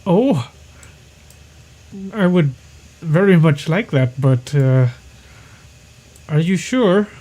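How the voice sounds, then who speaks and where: A man voicing a timid captive frog prisoner in a tabletop game, hesitant and a little higher than his own voice. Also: expressive, very slow, long pauses, mellow, full character voice. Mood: wary.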